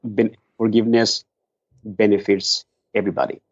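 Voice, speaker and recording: Husky and lowish, his delivery flat at normal speed, a middle-aged Bangladeshi man who founded a nonprofit earnestly answers interview questions about his story. The recording is dry, lo-fi, and slightly muffled.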